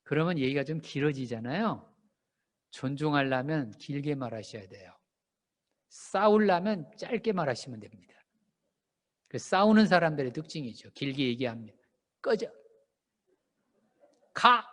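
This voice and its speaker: A man preaching a sermon to a congregation, animated, asking them questions and acting out shouted lines. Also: a little high, normal speed, pauses often. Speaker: pastor. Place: church sanctuary. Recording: long hall reverb.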